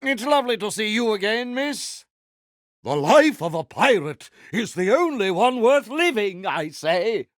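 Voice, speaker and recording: A man's voice: high-pitched, big pitch swings, a little slow, dry recording, studio quality. A male actor playing a vain, villainous pirate captain in a video game, speaking in a pompous, grandiloquent, theatrical manner. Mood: smug, courtly. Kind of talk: video game character voice lines.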